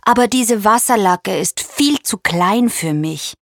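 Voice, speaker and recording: A woman's voice: mid-range voice, expressive, slow, gravelly, no echo, studio quality. Woman voicing a curious young giraffe. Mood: eager. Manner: curious and eager. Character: young curious female giraffe, eager and gentle.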